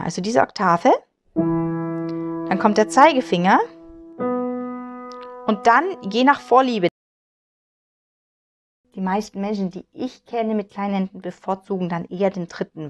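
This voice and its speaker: Patient German piano teacher, woman. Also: mid-range voice. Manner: patient, encouraging, demonstrating at the keyboard. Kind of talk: piano tutorial instruction. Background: piano playing.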